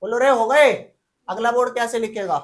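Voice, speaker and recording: A man's voice: very high-pitched, moderate pace. A male teacher giving a casual chemistry lecture, quizzing the class over and over and answering himself in a slangy, teasing way.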